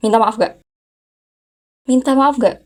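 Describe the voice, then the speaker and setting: A woman playing a furious rich aunt, high-voiced. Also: unhurried, lightly acted. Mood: scolding. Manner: scolding, sarcastic, repeated sharp "hah?" challenges. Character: furious rich unmarried aunt, CEO, scolding teen. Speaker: VTuber role-play creator. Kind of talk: ASMR role-play.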